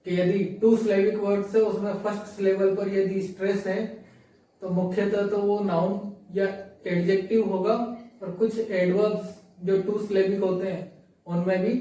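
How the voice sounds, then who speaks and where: Echoey teacher, high and flat. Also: male voice. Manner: reads English rules slowly, then explains them in Hindi with question-and-answer prompts. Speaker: English teacher. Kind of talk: grammar lesson explaining examples on screen. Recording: very echoey room, voice from a distance.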